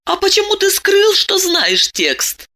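A woman voicing a jealous, wronged wife who accuses her husband in a sharp, shrill, venomous way. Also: big pitch swings, slow, exaggerated voice. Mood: sarcastic.

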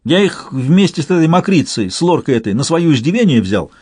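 A man's voice: fairly high pitch, sing-song, fairly quick, mellow, slightly rough, dry recording, studio quality, pitched above the performer's own voice. A man voicing a sly, wary middle-aged peasant husband with rustic, mock-sweet speech. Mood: sugary, defiant.

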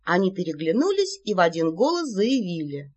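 A woman narrating an audiobook in a playful, animated manner. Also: on the low side, fairly quick, slightly rough. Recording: slightly muffled recording.

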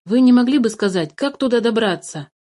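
A polite, honest young boy from a storybook, as a woman reader puts him on. He speaks earnestly and courteously, in a voice pitched well above the narration. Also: expressive, fairly quick, mellow. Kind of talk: storybook reading.

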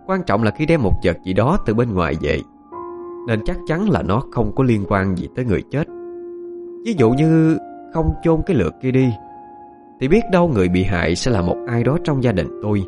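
A man narrating a ghost story in an expressive, dramatic way. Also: medium pitch, fairly quick, music in the background.

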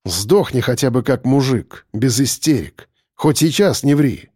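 A man voicing a resolute male detective who speaks slowly and coldly. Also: mid-range voice, expressive, a little mellow, slightly rough, dry recording, clean studio sound. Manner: slow, cold, measured.

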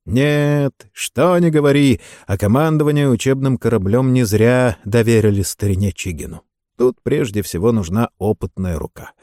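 Male audiobook narrator, expressive and wry, dry close sound. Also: medium pitch, normal speed, dry recording.

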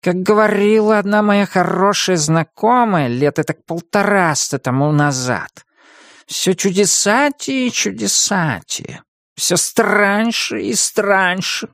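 A woman voicing a puzzled male cat in an audiobook, speaking slowly and wonderingly. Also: mid-range voice, expressive, dry recording, clean studio sound, pitched above the performer's own voice.

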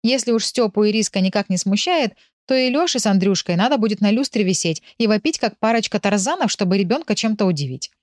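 A woman's voice: medium pitch, expressive, fast talker, few pauses, darkish tone, dry recording, studio quality, voice pushed up, lightly acted. A woman reading aloud and voicing a worried, talkative young mother in an audiobook story. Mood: indignant.

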